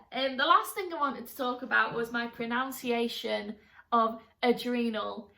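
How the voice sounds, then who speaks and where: A woman's voice: on the high side, gravelly, bright, forceful tone. A woman in her thirties chatting casually to camera as a vlogger, self-deprecating, with plenty of fillers. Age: 30s. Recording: voice a little distant from the mic.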